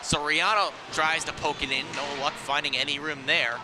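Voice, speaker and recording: A man's voice: a little high, fairly even intonation, moderate pace. A man giving live ice hockey commentary in clipped phrases that follow the play. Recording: noisy rink ambience around the mic.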